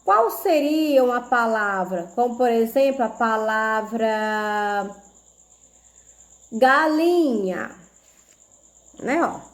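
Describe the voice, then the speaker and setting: A woman's voice: a little high, animated, slow, hardly any pauses. A Brazilian woman teaching a video lesson to young pupils, explaining patiently step by step and checking they follow. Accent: Brazilian Portuguese. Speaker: primary school teacher.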